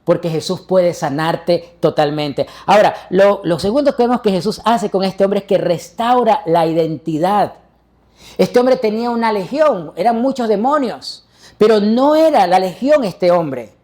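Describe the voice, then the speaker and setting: A man's voice: sits high, animated, unhurried, warm tone. A male pastor delivering a sermon, preaching emphatically and putting rhetorical questions to the congregation.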